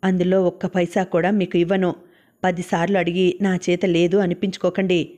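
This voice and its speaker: A woman's voice: on the low side, level tone, normal speed, warm tone, natural voice. A woman voicing a defiant young wife. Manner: stubborn, impassioned refusals.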